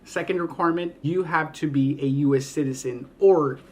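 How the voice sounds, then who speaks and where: A man in his thirties from the Philippines, an army recruiter explaining requirements point by point in a clear, methodical way. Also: on the high side, moderate pace. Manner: clear, methodical, list-by-list delivery. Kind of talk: informational video explainer.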